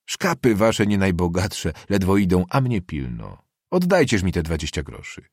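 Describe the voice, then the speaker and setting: A man's voice: deep voice, big pitch swings, moderate pace, a little mellow, breathy edge, no echo, studio quality, heavily acted. A man voicing a polite, earnest boy student. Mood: deferential. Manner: polite, deferential answers.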